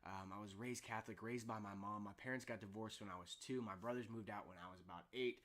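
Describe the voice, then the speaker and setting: A young man sharing a personal faith testimony in a vlog, earnest and halting, with many fillers and restarts. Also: lowish voice, steady tone, a bit bright. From Houston area, United States. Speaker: vlogger.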